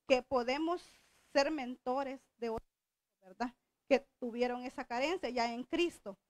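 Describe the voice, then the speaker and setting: High-voiced woman preaching a sermon. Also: dry recording. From El Salvador. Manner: conversational, asks the congregation questions.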